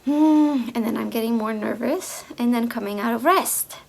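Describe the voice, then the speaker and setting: A woman speaking slowly and softly in a reflective monologue, often repeating herself and sometimes slipping into a whisper. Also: a little high, vocal fry. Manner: slow, soft, drifting into whispers. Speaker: speaker on femininity.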